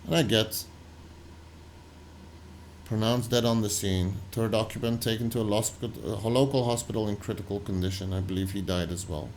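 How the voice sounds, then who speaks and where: A man hosting a reaction video, talking loosely and haltingly over footage he is watching. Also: lowish voice, fairly even intonation, darkish tone, slight background noise. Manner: loose, halting, full of "like" and restarts. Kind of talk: casual commentary over footage.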